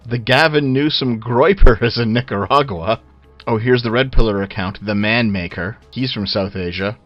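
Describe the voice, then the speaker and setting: A man giving sarcastic, profane commentary, his voice muffled by low-sample-rate audio. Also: moderate pace, dry recording, faint music behind. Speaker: online commentator. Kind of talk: casual scripted commentary.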